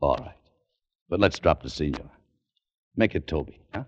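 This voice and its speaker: A man's voice: extremely low pitch, expressive, moderate pace. An actor playing a laconic, wry American adventurer who narrates his own story in a 1940s radio drama. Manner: laconic, wry, hard-boiled. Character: American adventurer, dry and wary. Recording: lo-fi old radio broadcast with music bed.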